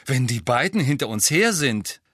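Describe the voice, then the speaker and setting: A man's voice: medium pitch, sing-song, normal speed, fairly bright tone, husky, no echo, studio quality, pitched above the performer's own voice. A man voicing a mischievous teenage boy twin in a storybook reading, mock-concerned and teasing.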